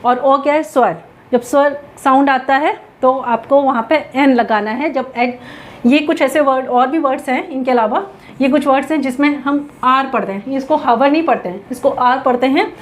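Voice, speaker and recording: A woman teaching English grammar in Hindi mixed with English, asking questions and answering them herself as she writes on a board. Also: sits high.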